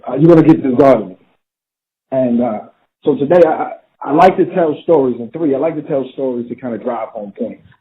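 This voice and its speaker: A man's voice: mid-range voice, a little hiss or hum. A man giving a motivational talk, telling a story and building to a preacher-like call to get up. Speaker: motivational speaker. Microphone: phone call. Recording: tinny phone line.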